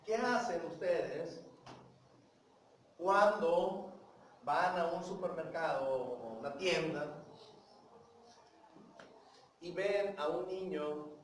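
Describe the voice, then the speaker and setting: A Mexican man leads a church Bible lesson in a high voice, talking with his listeners and tossing them questions. He is recorded from far off in a hugely echoing room, with a faint hiss behind. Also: drawn-out words, long pauses. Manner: asks the congregation questions, tags with "¿sí?" and "¿verdad?". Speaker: preacher teaching a Bible class. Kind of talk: conversational Bible lesson to a congregation. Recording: very echoey room, mic far off.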